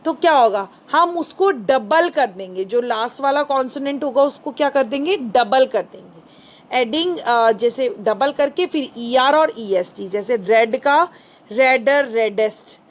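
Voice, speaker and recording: A woman teacher with an Indian English accent explaining grammar to children, mixing Hindi and English, patiently asking questions and answering them herself. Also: high-pitched. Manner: calls listeners "children", mixes Hindi and English. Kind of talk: bilingual grammar lesson. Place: indoors, screen recording.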